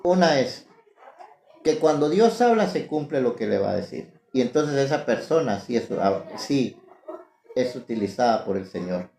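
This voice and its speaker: Guatemalan male preacher, gravelly and warm-toned, fervent testimony, echoey church hall. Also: medium pitch, big pitch swings, normal speed. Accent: Guatemalan Spanish. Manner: fervent, storytelling, building to impassioned pleading. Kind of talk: testimony sermon to a congregation.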